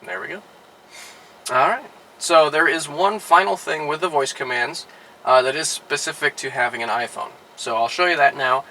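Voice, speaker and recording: A man, a car dealership product specialist, giving a relaxed how-to demonstration inside a car, with many "all right" and "uh" fillers. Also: on the high side, moderate pace, a little hiss or hum, rough recording.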